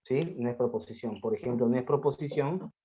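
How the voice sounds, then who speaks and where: A male math teacher, giving a classroom lecture on logic, asking his students questions and answering them himself, and slowing down to dictate. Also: mid-range voice, mellow. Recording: dull lo-fi sound.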